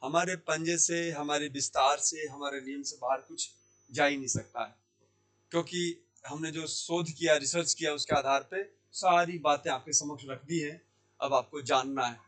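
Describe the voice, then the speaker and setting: A man teaching Hindi grammar in a classroom lesson. He asks questions and answers them himself, repeating key words slowly. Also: on the high side, steady tone, fairly bright tone. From India. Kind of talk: classroom lesson explaining sandhi. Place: Jaipur language institute.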